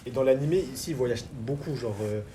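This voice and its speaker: A man's voice: medium pitch, fast talker, slight background noise. A young man hosting a casual chat about anime, talking loosely in slang with lots of fillers. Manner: relaxed slangy talk with many fillers. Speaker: host.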